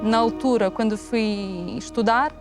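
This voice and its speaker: A woman's voice: on the high side, a little slow, over loud music. A woman from former Yugoslavia, native in Slovenian and Croatian, speaking in a reflective documentary interview and at times searching for words.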